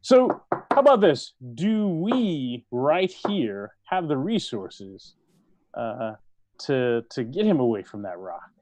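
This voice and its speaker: A man's voice: medium pitch, sing-song, slow, a little mellow. A man playing a tabletop game, joking and chatting casually with the table. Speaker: player.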